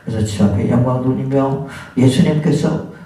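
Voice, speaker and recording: A man's voice: mid-range voice, normal speed, dark tone. A male pastor preaching a sermon, putting rhetorical questions to the congregation and sometimes acting out the voices of people in his examples. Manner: acts out scolding voices in the examples. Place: church sanctuary. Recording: very echoey church hall, mic at a distance.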